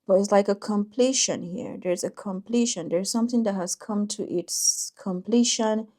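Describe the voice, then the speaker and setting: Woman giving a mellow tarot reading. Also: medium pitch. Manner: thoughtful, intuitive, with frequent restarts and pauses. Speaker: tarot reader.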